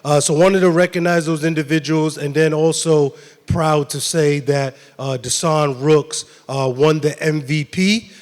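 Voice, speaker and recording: A man coaching football gives a loose, stop-start thank-you speech with lots of ums. His fairly high voice echoes around a large hall. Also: steady tone. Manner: casual, halting, many fillers. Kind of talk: informal speech at an awards night. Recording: reverberant hall.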